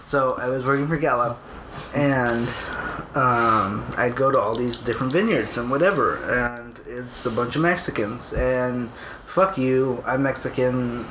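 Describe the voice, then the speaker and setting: A man's voice: mid-range voice, a little slow. Casting: young male podcast co-host, Californian accent, casual slangy storyteller, echoey room sound. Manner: slangy, sweary. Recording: roomy echo, faint background noise.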